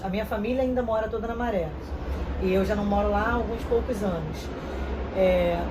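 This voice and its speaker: A woman, giving earnest, measured interview answers with some hesitant restarts. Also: mid-range voice, noisy background. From Rio de Janeiro, Brazil. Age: 30s. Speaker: interview guest.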